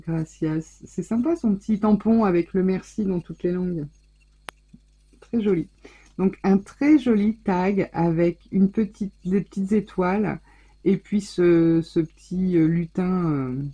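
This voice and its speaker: A woman's voice: on the low side, dark tone, slightly rough, low-quality recording. A woman scrapbooking vlogger chatting casually as she unboxes crafts, gushing and exclaiming over each item. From France.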